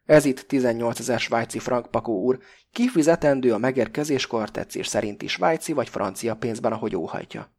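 A man's voice: mid-range voice, darkish tone, lightly acted. A man voicing a fat, greedy and sly middle-aged Greek man in an audiobook, pompous and blustering. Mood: smug. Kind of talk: audiobook character voice.

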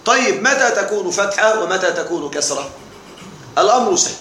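Animated and fairly quick, a man delivers a classroom grammar lesson in a fairly high voice that sounds pushed and bright. He keeps asking the room questions, then supplies the answers himself, while the distant, very echoey recording carries faint background noise.

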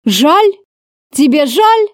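A woman voicing a furious, cruel man who shouts and swears in an audiobook. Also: high-pitched, expressive, a little slow, dry recording, studio quality. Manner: shouting, swearing, spitting words.

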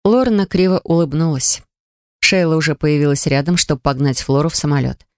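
A woman reading a novel aloud in an even storytelling manner. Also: sits low, fairly quick, no echo, studio quality. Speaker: audiobook narrator. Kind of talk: scripted narration.

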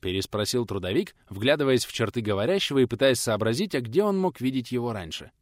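A man reading an audiobook aloud with a lively, animated pitch. He drops into rustic, old-fashioned character voices for the dialogue. The recording is close and dry, with no room sound. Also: fast, no echo. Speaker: audiobook narrator. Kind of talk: audiobook narration with acted dialogue.

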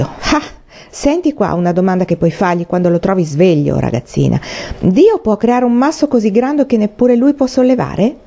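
A woman voicing a blunt booming man. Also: gravelly, mellow. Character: blunt loud provocative middle-aged man. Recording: dull lo-fi recording.

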